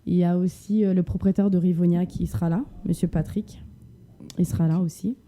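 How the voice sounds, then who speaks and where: A woman answers interview questions in a lowish, very soft-toned dark voice. She is informal and plain-spoken, talking as a guest organiser. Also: fairly even intonation, brisk.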